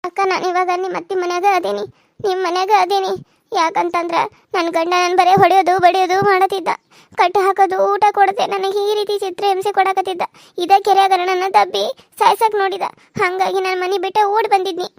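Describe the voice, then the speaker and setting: A woman's voice: very high-pitched, level tone, fairly quick, creaky, no echo, studio quality. A woman voicing a distressed young village wife in a cartoon serial, pleading and defiant by turns. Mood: tearful.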